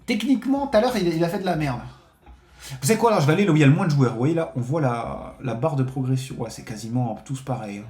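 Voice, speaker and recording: A man with a fairly high voice calls out his casino bets live, excitable and given to swearing. He talks straight to his viewers as his friends, and his voice rings a little in an echoey room. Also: fast. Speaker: casino streamer. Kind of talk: live gambling commentary.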